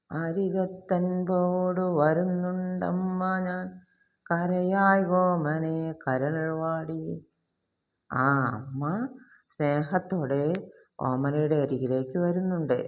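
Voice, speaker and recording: A teacher going through a school poem line by line, chanting each verse slowly, then explaining it in plain words. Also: medium pitch. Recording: dull lo-fi recording.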